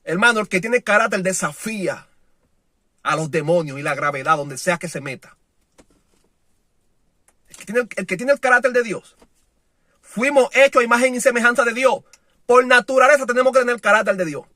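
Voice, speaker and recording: A man preaching with a high, bright, cutting voice, heard dry and close. He swings from forceful declarations to hushed, low lines and acts out the people in his stories. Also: expressive, moderate pace, pauses often, dry recording. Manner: impassioned, shifting from loud to soft, acting out quoted voices. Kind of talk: sermon.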